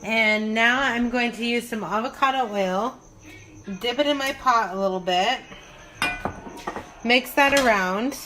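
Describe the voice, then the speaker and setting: A woman with a medium-pitched, pushed and bright voice narrates a recipe step by step as a home cook in a casual, informal home-vlog style. She's in her home kitchen, and the recording is noisy with food frying and sizzling in the background.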